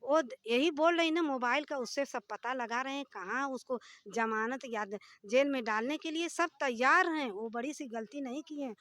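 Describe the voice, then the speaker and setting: A high-pitched woman speaks in a distressed, pleading rush as she is interviewed outdoors for a news report. She tells a long, run-on account from beside a demolished house. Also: normal speed, few pauses, fairly bright tone, no room sound. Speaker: interviewee, family member of the house owner.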